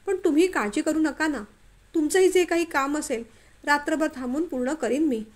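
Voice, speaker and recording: A frightened, honest young office clerk pleading his innocence in a storybook reading, as a woman narrator acts him out. The voice is raised high and anxious, with a pleading manner. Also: normal speed, close to an everyday voice. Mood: polite.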